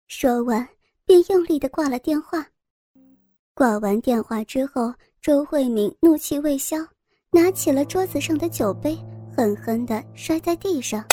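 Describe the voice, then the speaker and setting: High, mellow woman narrating a story. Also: no room sound. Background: faint music.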